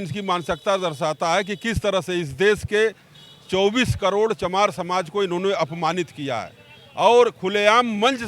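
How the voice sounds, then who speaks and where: A man on a debate panel who starts measured and builds to a firm accusation. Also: high voice, fairly bright tone.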